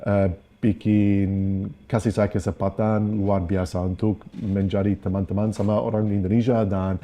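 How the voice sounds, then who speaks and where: Low, mellow Australian man speaking Indonesian as a foreigner. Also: little pitch movement, moderate pace. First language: English. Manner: foreigner speaking Indonesian as a second language, mixing in English words. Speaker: interview guest, former footballer and sports diplomacy advocate. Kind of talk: conversational interview.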